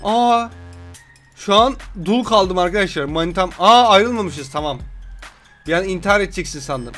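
A young man commentating a game he is playing, excitable, joking and yelling at what happens on screen. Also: high-pitched, moderate pace, over music. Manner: excitable, yells and jokes at the game. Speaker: gameplay commentator. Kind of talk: gameplay commentary.

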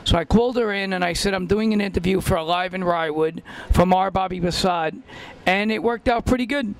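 A man's voice: high voice, fairly quick, creaky, clean tone. A middle-aged man hosting at an indoor event, telling an upbeat story into a handheld mic. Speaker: talent agency host. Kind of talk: casual red-carpet introduction. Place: indoor event in front of a banner.

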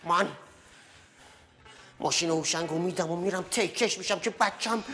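An actor playing an emotional grown son in a TV drama who pleads and sulks, swinging between tears and shouting. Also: male voice, high-pitched. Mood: pleading. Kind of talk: TV drama acting. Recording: crowd noise behind.

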